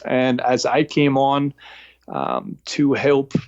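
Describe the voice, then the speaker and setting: A man from New York with a faint New York accent, a lean coach talking as a podcast guest in a halting way, full of fillers and restarts. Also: mid-range voice, creaky, darkish tone, no echo, highs cut off. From New York, United States. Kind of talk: casual interview talk.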